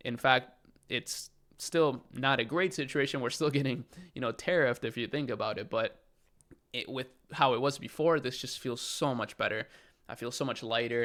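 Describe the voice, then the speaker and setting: Here an upbeat young Chilean e-commerce host talks casually into the camera, using plenty of filler words. His pitch is medium and his tone fairly bright, with an enthusiastic energy throughout.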